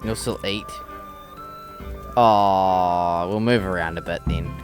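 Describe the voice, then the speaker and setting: A man's voice: low voice, fairly even intonation, slow pace, over music. A man giving casual, rambling gameplay commentary, joking as he plays. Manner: rambling, jokey, often laughs. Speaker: gaming channel host.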